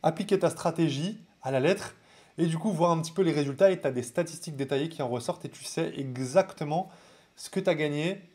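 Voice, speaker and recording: A French man speaks straight to his viewers as a trading coach, his voice sitting a little high for a man. He talks casually and with energy, addressing them like pals and dropping conspiratorial asides. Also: fairly quick, dark tone. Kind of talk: casual direct-to-camera advice.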